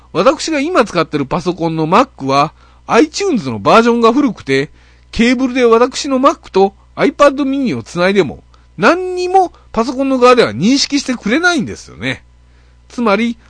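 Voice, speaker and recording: Lively-voiced Okayama man grumbling on net radio. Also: high-pitched, no room sound. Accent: Okayama Japanese. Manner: grumbling, self-mocking, filler-heavy. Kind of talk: casual monologue, comic storytelling.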